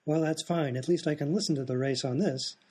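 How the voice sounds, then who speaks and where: Here a man with a slightly high, mellow, somewhat breathy voice talks briskly as a dotty hospital doctor in a surreal radio comedy bit. The character is absent-minded and oblivious, wandering cheerfully off the subject in a breezy, matter-of-fact ramble.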